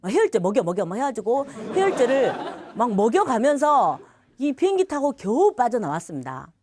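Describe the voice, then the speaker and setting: A middle-aged woman from Korea giving a personal faith testimony at church, telling her story in a lively way and acting out the voices of others. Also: a little high, brisk, crowd noise, background noise.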